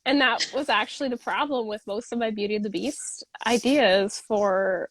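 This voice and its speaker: Author guest, female, under the weather, chatty and self-deprecating, fairly high voice. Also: normal speed, dry recording, rough recording. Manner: rambling, many fillers, self-deprecating. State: sick voice. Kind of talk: casual live-stream interview.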